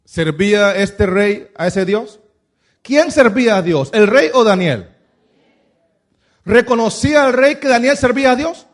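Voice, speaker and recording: High-voiced man preaching a sermon. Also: lively intonation, unhurried, pauses often. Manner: preaching with many rhetorical questions. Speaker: pastor.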